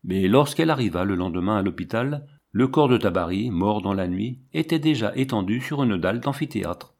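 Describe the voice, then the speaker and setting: Male audiobook narrator, lowish voice, measured and dramatic. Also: lively intonation, darkish tone.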